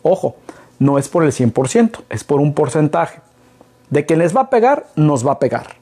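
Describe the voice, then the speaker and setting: Very animated and warm, with a fairly high, slightly rough voice at a moderate pace, a middle-aged Mexican business consultant talks to camera from his living-room armchair. His casual explanations are peppered with rhetorical questions, and the camera sits at a distance.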